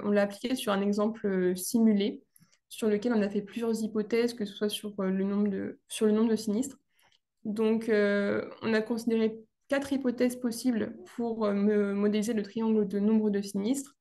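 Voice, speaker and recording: A young woman talks through her thesis in a formal academic presentation. She hesitates often, filling gaps and restarting phrases. Her voice is warm and soft-toned. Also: mid-range voice, little pitch movement, normal speed. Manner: hesitant, many fillers and restarts.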